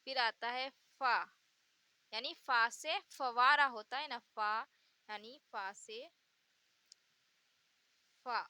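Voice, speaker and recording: Slow, bright-voiced woman teaching letters. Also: a little high, smooth, no room sound. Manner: patient, repeats each letter sound with examples. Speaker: Urdu teacher. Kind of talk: slow letter-by-letter pronunciation lesson.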